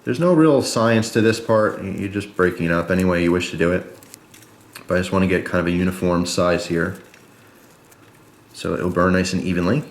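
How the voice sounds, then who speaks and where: Low-voiced man chatting in an echoey room. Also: normal speed. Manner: informal, folksy, explains step by step. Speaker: product reviewer and video host. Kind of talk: casual chat to viewers while demonstrating.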